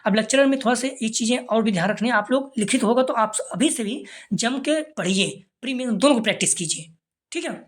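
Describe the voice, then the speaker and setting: A woman teaching an exam-prep lesson, reading out figures one after another in a steady way and checking in with her listeners again and again, sometimes dropping to a near whisper on a brief aside. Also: on the high side, fairly quick. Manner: steady listing of figures, frequent "theek hai" check-ins. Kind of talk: informal explainer lecture.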